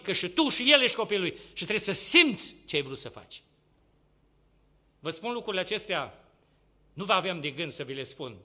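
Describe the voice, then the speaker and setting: During his sermon, a male preacher whose voice is high, very bright and piercing moves back and forth between hushed asides and loud, urgent exhortations. He repeatedly puts rhetorical questions to the congregation.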